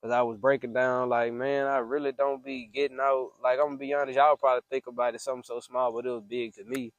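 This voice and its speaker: A man's voice: medium pitch, level tone, fast talker, no room sound, muffled recording. A man speaks earnestly on a phone voice memo. He sounds preachy and confiding, and the recording is close and dry with no room sound. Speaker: speaker venting about faith. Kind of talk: casual spoken reflection.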